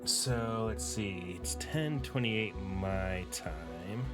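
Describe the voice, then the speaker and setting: A tired young man with a fairly low voice chats his way through a game stream, rambling and thinking aloud. Game music plays clearly behind him. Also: drawn-out words. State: tired, yawning. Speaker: gaming streamer. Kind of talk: casual gameplay commentary.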